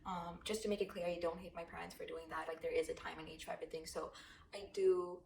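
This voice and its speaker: A woman's voice: on the low side, little pitch movement, quick pace, gravelly, darkish tone, a little hiss or hum. A young woman from Zimbabwe telling her personal story in a casual, reflective vlog, with frequent fillers. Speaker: vlogger. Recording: echoey room with faint ambience.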